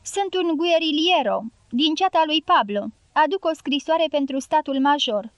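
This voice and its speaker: A desperate young guerrilla fighter calls out across the dark in pleading shouts, as a woman reads him aloud. The voice sits high and strained, and it sounds close and dry with no room around it. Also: no room sound, lo-fi sound, lightly acted. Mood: insistent.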